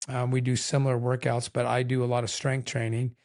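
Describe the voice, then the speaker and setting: A man's voice: medium pitch, monotone, fairly quick, darkish tone. An older man talks things over with his wife on their podcast. He is candid and meandering, and often laughs at himself as he goes. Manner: candid, rambling, self-deprecating. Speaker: podcast co-host. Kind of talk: casual chat.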